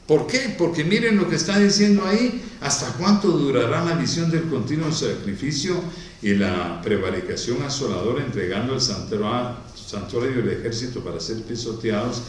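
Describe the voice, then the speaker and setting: A man's voice: mid-range voice, expressive, distant mic, slight background noise. A man preaching a sermon in a church, reading scripture aloud and stopping to explain it with emphasis. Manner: reads verses aloud, then comments on them slowly and emphatically. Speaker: pastor. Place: church hall. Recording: very echoey hall.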